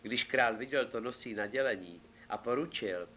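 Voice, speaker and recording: A man reading a fairy tale aloud with lively, playful narration. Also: mid-range voice, a little hiss or hum. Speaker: storyteller.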